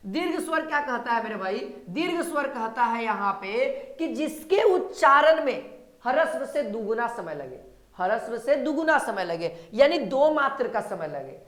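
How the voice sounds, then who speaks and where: A woman's voice: a little high, big pitch swings, moderate pace, fairly bright tone. A woman teaching a grammar lesson for exam prep, often repeating her points and calling viewers sir and brother. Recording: echoey room.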